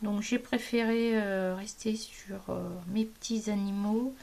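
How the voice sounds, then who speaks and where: A woman's voice: mid-range voice, steady tone, a little slow, gravelly, a little mellow, slight background noise. A woman from France chatting casually about her coloured pages as a hobby vlogger, hesitant and often searching for words.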